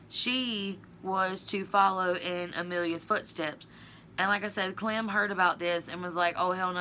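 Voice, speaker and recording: A woman's voice: medium pitch, sharp tone, a little hiss or hum. A woman telling a true-crime story in a casual, chatty way, full of "like" and "you know", blunt and swearing now and then. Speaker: video creator.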